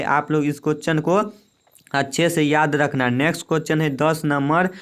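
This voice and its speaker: A young man runs a quiz lesson, going through questions and options and repeating each answer. His voice is smooth and clear, sitting a little high for a man. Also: fairly bright tone. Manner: repetitive, drilling each answer with "remember it well". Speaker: exam-prep teacher.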